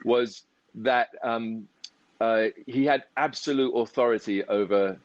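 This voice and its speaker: A man's voice: medium pitch, unhurried, no echo, lo-fi sound. A man hosting a podcast, chatting casually and often repeating his words as he rambles. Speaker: podcast host. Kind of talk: casual interview chat.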